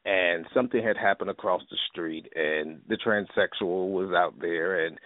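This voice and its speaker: A man's voice: low voice, moderate pace, dry recording. A man moderating a call-in show, easygoing and conversational, chuckling now and then. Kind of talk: casual chat on a call-in show. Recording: dry tinny phone line.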